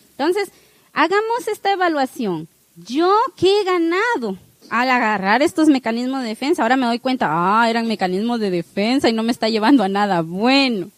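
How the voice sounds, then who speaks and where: Speaking in a fairly high voice, the same online teacher encourages her listeners warmly, talks straight to them, and asks "¿sí?" again and again. It's an instructive class talk with a spiritual close, recorded with poor audio.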